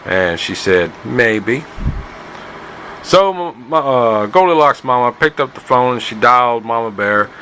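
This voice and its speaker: A man's voice: mid-range voice, expressive, normal speed, hardly any pauses, bright, forceful tone, slight background noise, rough recording. A man telling his daughter a playful, folksy improvised bedtime story.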